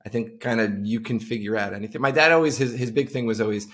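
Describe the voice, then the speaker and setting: A man's voice: lowish voice, steady tone, fast, fairly bright tone. A man in his forties from Long Island, talking as a podcast guest over a video call, rambling with many fillers and restarts. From Long Island, New York. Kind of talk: casual interview chat.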